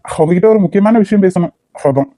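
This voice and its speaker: A man's voice: sits high, quick pace, dark tone, a little hiss or hum, lightly acted. A man voicing a stubborn young nephew in a cartoon, blunt and grudging, with a Kanyakumari Tamil accent. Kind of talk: cartoon voice acting.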